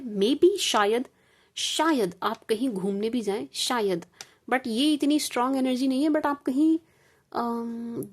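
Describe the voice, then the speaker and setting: A woman from India giving a collective tarot reading in a casual, repetitive, reassuring way, mixing Hindi with English phrases. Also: a little high. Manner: calls viewers "sweet sugar gems" and adds "ठीक है जी". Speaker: tarot reader.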